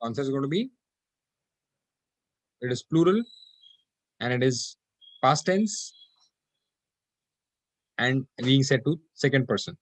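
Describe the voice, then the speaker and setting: A man teaching an online Arabic class, patiently repeating phrases slowly for his students. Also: mid-range voice, animated, no room sound.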